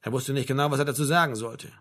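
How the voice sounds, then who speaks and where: A man narrating a literary novel in a wry, measured manner. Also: medium pitch, fairly bright tone. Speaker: audiobook narrator.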